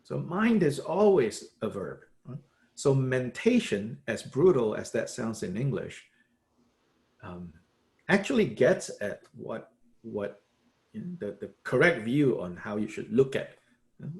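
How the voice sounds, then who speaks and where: Animated man teaching a book study. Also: medium pitch, measured pace. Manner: animated, repeats words, many "uh" and "you know". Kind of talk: lively explanatory teaching.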